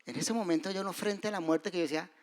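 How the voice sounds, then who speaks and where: A man preaching a sermon, moving between loud rises and soft, hushed drops. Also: sits high, quick pace. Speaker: pastor.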